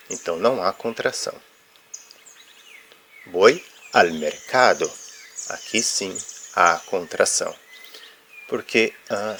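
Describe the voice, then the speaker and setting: Slow, low-voiced man teaching grammar. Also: fairly bright tone, slight background noise. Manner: explanatory, checks in with "ok?"; uses filler "ah" while explaining. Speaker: Spanish teacher. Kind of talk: explaining grammar lesson.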